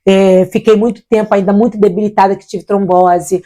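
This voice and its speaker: A woman's voice: mid-range voice, a little fast. A middle-aged woman, a missionary guest, telling her personal faith testimony and acting out the voices of the people in it. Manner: animated storyteller acting out quoted voices.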